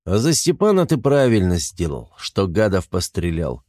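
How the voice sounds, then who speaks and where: A man's voice: sits low, very animated, moderate pace, darkish tone, no echo, clean studio sound. A man reading a velvety-voiced crime boss. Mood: calm, knowing. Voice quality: velvety, trained announcer-like voice. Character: graying fifty-something male crime boss, calm and commanding. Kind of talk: audiobook character voice.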